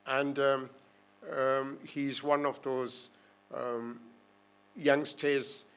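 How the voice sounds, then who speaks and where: A man chairing a panel and introducing the speakers, halting with many fillers. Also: medium pitch, flat delivery, fairly bright tone, clear, resonant tone. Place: lecture hall.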